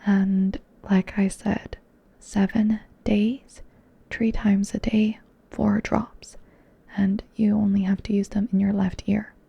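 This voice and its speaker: A woman voicing a gentle doctor in an ASMR roleplay, speaking in a soft breathy whisper. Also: mid-range voice, little pitch movement, slow pace, no room sound, lo-fi sound, exaggerated voice. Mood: soothing.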